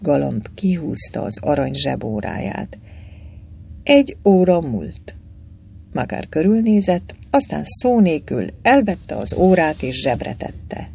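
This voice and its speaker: A man narrating an audiobook with a wry, expressive storytelling manner. His voice is husky and gravelly, and his pitch rises and falls in a lively way. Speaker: audiobook reader.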